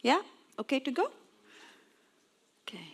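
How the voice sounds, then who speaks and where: A woman's voice: sits high, sing-song, unhurried, breathy edge. Chatty woman giving a conference talk. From Pakistan. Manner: chatty and lightly self-mocking with the audience. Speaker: conference speaker. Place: on stage before an audience.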